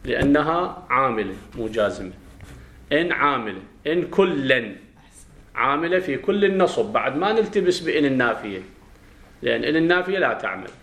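A man with an Iraqi Arabic accent teaching a grammar class, explaining step by step, questioning his students and slowly chanting verses. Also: mid-range voice, big pitch swings, fairly bright tone. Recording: roomy classroom echo.

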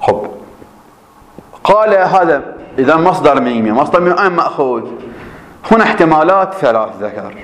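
A man's voice: a little high, lively intonation, a little fast, pauses often, fairly bright tone, roomy sound, poor audio. A male teacher explaining a grammar point in class, repeating himself and checking that students follow.

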